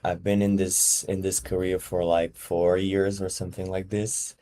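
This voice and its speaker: Man, fairly low voice, thoughtful, pauses to find words, casual interview. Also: level tone, warm tone. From Brazil. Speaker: podcast guest.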